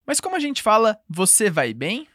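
A woman's voice: mid-range voice, wildly swooping pitch, moderate pace, fairly bright tone, no echo, studio quality. A woman with a Brazilian Portuguese accent teaching a call-and-response language lesson, patiently modelling phrases for the listener to repeat.

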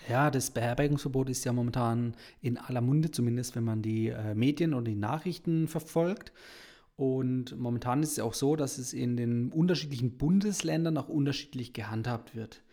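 A man hosting a podcast, talking in a calm, measured way and asking his guest questions. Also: mid-range voice. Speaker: podcast host. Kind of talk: casual podcast conversation.

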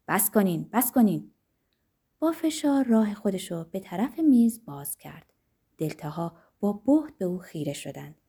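A woman narrating a novel for an audiobook in a dramatic, expressive reading. Her tone is soft and mellow, and her pitch rises and falls widely. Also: slightly rough.

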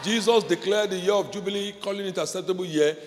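A pastor preaching a sermon with passion, repeating phrases and leading the congregation in call-and-response. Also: male voice, high-pitched, fast. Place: church hall. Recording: reverberant hall with faint background noise.

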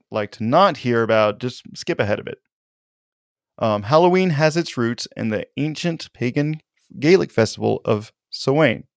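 A man's voice: medium pitch, a little mellow, dry recording, clean studio sound. A man co-hosting a casual podcast chat, reading facts aloud and laughing often. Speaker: podcast co-host.

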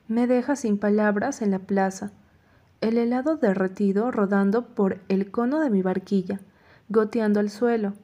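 A woman narrates a first-person novel as an audiobook, reading in a measured, unhurried way. Her voice is mid-pitched and mellow, with a soft, darker timbre.

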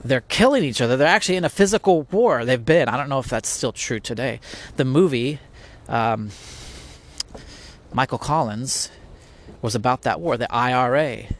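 A man's voice: mid-range voice, expressive, normal speed. Male podcast host, casual reflective monologue, mid-range voice, thinks aloud with frequent restarts and rhetorical questions.

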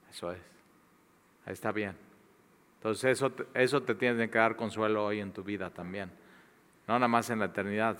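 A man preaching a sermon and leading a closing prayer, repeating words for emphasis and dropping from loud to hushed. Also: lowish voice. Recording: long reverb of a large hall.

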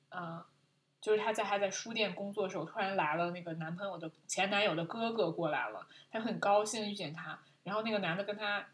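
A woman co-hosting a podcast, retelling a film scene in casual chat, with lots of laughter and restarts. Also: mid-range voice. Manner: animated storytelling, frequent laughter, many restarts. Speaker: podcast co-host.

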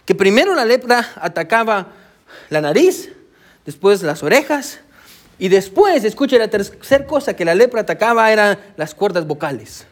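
A man's voice: high voice, sing-song, moderate pace. A male pastor preaching a sermon, with a preacher's cadence and frequent "amén" and "hermano" asides. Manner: code-switches with English "so".

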